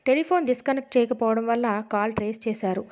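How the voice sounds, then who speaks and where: A woman reads a detective novel aloud steadily in a storybook manner, barely changing her voice for the dialogue. Her voice is on the high side and her pace quick.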